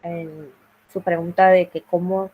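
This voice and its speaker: A woman teacher with a Panamanian Spanish accent and a loud, firm voice, sharing her classroom experience in a workshop. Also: lowish voice, flat delivery, unhurried, phone-quality sound.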